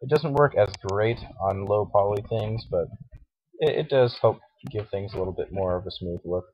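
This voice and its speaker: A man with a deep, groggy morning voice talks casually through a screen-recorded tutorial. He hesitates often, with fillers and restarts. His cheap mic sounds dull, with a faint hiss and mouse clicks behind him. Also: normal speed. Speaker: tutorial host. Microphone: cheap computer microphone.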